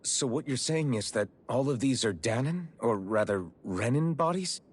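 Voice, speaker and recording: A man's voice: mid-range voice, lively intonation, normal speed, slightly rough. A man voicing an earnest young male hero in an anime-style fantasy game. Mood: puzzled.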